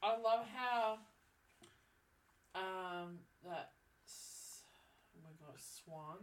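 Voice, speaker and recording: A woman's voice: lowish voice, extremely slow. A woman chatting casually as a co-host, reacting and asking questions in short conversational bursts. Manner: brief, conversational interjections. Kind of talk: casual chat.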